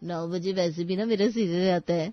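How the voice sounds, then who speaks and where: A woman's voice: fairly low pitch, normal speed, dry recording, natural voice. A woman playing an easygoing young sister-in-law, chatty casual tone, dry close sound, muffled lo-fi. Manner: casual, breezy advice-giving.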